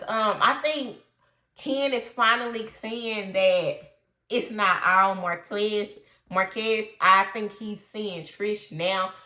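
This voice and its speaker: Her nose stuffed up, a reality TV recap host chats informally and opinionatedly in casual commentary about the shows. She has a mid-range voice that sounds pushed and bright, with a roomy sound around it.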